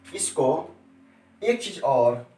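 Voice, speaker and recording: A man's voice: medium pitch, very animated, very slow, dark tone. A male chemistry teacher giving a classroom lesson who repeats key terms and keeps quizzing his students with questions. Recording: echoey room, mic set far off.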